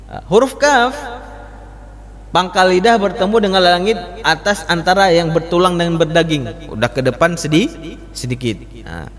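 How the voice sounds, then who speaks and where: Male recitation teacher, high animated voice, long hall reverb. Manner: addresses class as Pak, demonstrates letter sounds repeatedly. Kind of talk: mosque study class. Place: mosque hall.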